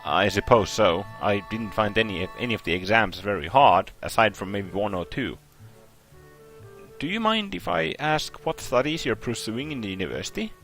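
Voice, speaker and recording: A man voicing a polite, calm young male student in a visual novel. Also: on the low side, normal speed, faint music behind. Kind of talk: reading visual novel dialogue aloud.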